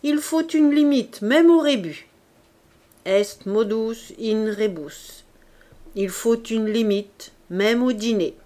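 A woman's voice: a little high, slow, mellow. A woman reading an audiobook, voicing a pompous young man who lectures his friends in grand, sententious phrases.

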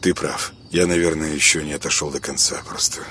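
Give me a man voicing a gloomy, grumbling young man in an audiobook, low and hushed. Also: fairly even intonation, fairly quick, slight background noise. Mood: subdued. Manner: subdued, grumbling, reluctant. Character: weary, gloomy young man just out of hospital.

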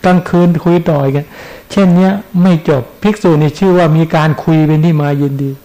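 Middle-aged monk giving a chatty sermon, kinda high voice but mellow, keeps asking the crowd stuff. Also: male voice, rough recording. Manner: conversational, asks listeners questions. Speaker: Buddhist monk giving a dharma talk.

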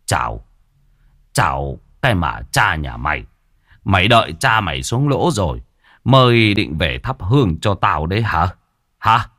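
A man's voice: extremely low pitch, sing-song, a little slow, bright, forceful tone, no room sound, studio quality, exaggerated voice. A man voicing a furious old rich father who scolds his son harshly in a ghost story.

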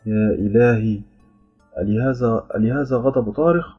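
Male narrator as an eager, lovestruck young man in an audio story, husky low voice over faint music. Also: moderate pace, muffled recording, lightly acted. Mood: earnest. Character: young man smitten with a jinn, earnest.

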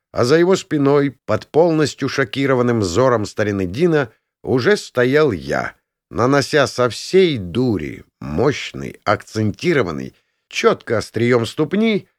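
A man reading a first-person fantasy audiobook with a sardonic, crude edge. His pitch swings in lively leaps across each phrase, and the recording is dry and close, with no room sound. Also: no room sound. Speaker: audiobook narrator.

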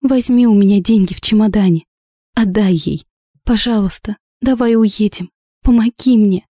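Woman reader doing a desperate teen bride, tearful, mellow and dry. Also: medium pitch, moderate pace, dry recording, pitched above the performer's own voice, lightly acted. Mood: pleading. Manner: pleading, tearful.

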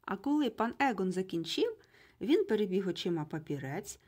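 Husky woman narrating a children's book. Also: medium pitch, normal speed. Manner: expressive storytelling. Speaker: audiobook reader.

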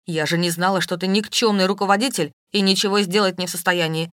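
A woman voicing a capricious, quick-tempered wealthy woman in an audiobook. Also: fairly even intonation, a bit bright, no room sound, studio quality, close to an everyday voice. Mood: angry. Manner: capricious and shrill.

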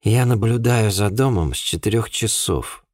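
A man's voice: fairly low pitch, animated, normal speed, darkish tone, no echo, clean studio sound. A man reading aloud and voicing a dutiful young Victorian police sergeant who reports in an earnest, plain way.

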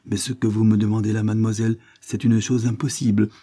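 A man's voice: lowish voice, level tone, fast, dark tone, slightly rough. A man voicing a small, lovestruck grocer who talks eagerly and effusively. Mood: pleading.

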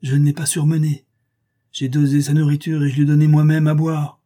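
A man's voice: a little high, monotone, fairly quick, pitched above the performer's own voice, lightly acted. A man doing a fiery young French hero. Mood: indignant. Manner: shouting, commanding.

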